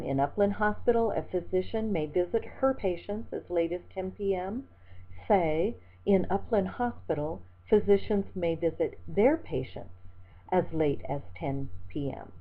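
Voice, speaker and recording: A woman instructor gives a methodical slide lecture, reading examples and word lists aloud. Her voice sits a little low. The sound is thin and tinny, like a phone line. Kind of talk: recorded lecture over slides.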